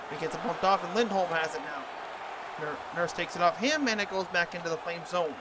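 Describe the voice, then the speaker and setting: A man's voice: sits high, background noise. A man calling hockey play-by-play over a video game in the manner of a TV sports announcer. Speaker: sports commentator.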